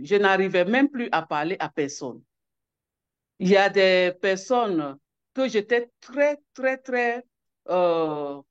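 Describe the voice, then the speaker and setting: A woman's voice: medium pitch, dull audio. A woman giving an emotional personal testimony as a network coordinator, hesitant, with many restarts and repeated words. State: emotional, near tears.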